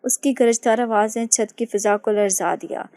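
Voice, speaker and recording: A woman's voice: on the high side, normal speed, dry recording, clean studio sound. Woman narrating a romance novel. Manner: steady, expressive reading. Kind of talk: reading a romantic novel aloud.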